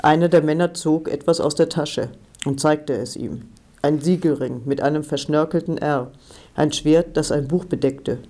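A man reads an audiobook in a measured, deliberate way. His voice is mellow and rather high for a man, with a calm pace. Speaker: audiobook narrator. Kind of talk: scripted narration.

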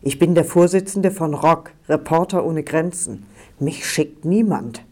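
A man reading an audiobook voices a male rights advocate who speaks hushed, insistent reassurances. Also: on the high side, unhurried, natural voice. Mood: urgent.

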